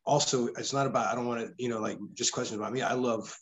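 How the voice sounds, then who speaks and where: A man's voice: medium pitch, steady tone, quick pace, slightly rough, rough recording. A man who coaches grappling, a guest on a podcast, talking candidly in a rambling, profane way. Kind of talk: casual interview chat.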